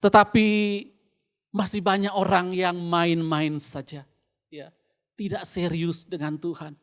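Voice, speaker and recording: An Indonesian man preaching a sermon through a face mask, slightly muffled, deliberate, pausing and repeating phrases for emphasis. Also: sits high, steady tone.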